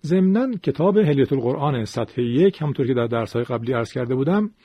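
Male recitation teacher, husky, very lively pitch, patient explainer; dull lo-fi recording. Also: dry recording. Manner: patient explaining, demonstrating pronunciation aloud. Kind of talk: classroom-style lecture.

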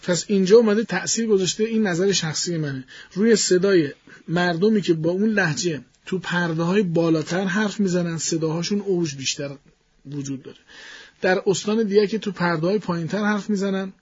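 A man being interviewed as a voice expert in a studio, explaining his views in a measured way and thinking aloud as he goes. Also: sits high, a little mellow, breathy edge, dull audio. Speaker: guest voice expert.

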